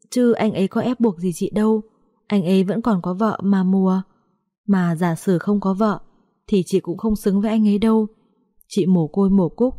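A woman's voice: medium pitch, dark tone, no room sound, clean studio sound, natural voice. A woman voicing a timid young pregnant servant woman who sobs and pleads. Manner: sobbing, pleading.

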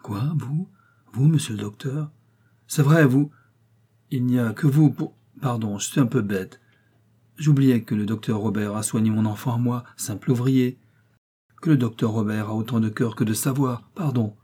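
A man voicing an excitable, warm-hearted Parisian working man who talks eagerly and apologizes a lot, in an audiobook. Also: mid-range voice, normal speed, breathy edge, close to an everyday voice. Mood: grateful. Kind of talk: audiobook character voice.

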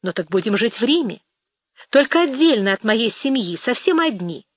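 A man's voice: extremely high pitch, sing-song, normal speed, dry recording, studio quality, heavily acted. A woman reading an eager young suitor. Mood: earnest. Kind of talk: audiobook character reading.

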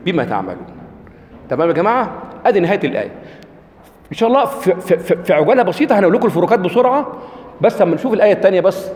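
Man, Egyptian accent, high-pitched, religious lecturer, rhetorical questions, roomy hall reverb. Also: a little mellow, a little hiss or hum. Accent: Egyptian Arabic. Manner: keeps asking the audience rhetorical questions. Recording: echoey hall with long reverb.

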